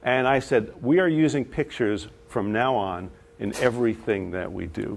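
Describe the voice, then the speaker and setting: A man's voice: medium pitch, darkish tone, a little hiss or hum. A man presenting to an audience of executives. He tells stories in a conversational way and asks the room questions. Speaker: presenter and facilitator. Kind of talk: live business presentation.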